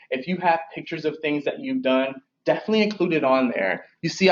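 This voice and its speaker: Dull lo-fi recording; young male career advisor, mid-pitched, talking with braces, conversational workshop delivery with frequent rephrasing. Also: reverberant. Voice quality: speech slightly impeded by braces. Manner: conversational, repeats and rephrases himself. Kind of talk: informal instructional presentation.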